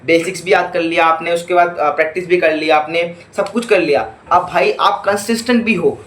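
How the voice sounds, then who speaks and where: A man's voice: fairly high pitch, steady tone, fairly quick, a bit bright. A man from India with an Indian accent, teaching a YouTube lesson and often asking rhetorical questions and checking with an "okay?". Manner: mixes in short English phrases. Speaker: English teacher. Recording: echoey room.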